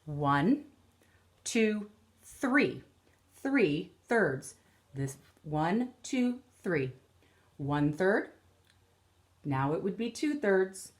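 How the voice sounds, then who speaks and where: Reading aloud from a picture book at home, this teacher in her thirties sounds very animated, with a fairly low pitch. She speaks to the children deliberately, explaining the story and highlighting key words.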